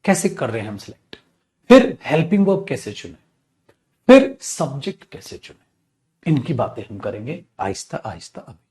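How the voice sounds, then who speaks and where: Speaking in a mid-range voice, a man teaches a live class over the internet with plenty of energy. He answers the questions he raises, refers to his students as "beta," and slows his pace to spell out English examples.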